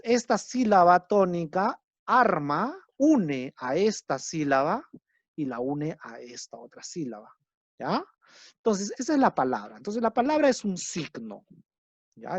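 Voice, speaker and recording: A man's voice: fairly high pitch, no echo. A man teaching a class, explaining patiently, repeating key terms and checking understanding with frequent tag questions. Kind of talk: recorded lecture. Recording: dull lo-fi recording.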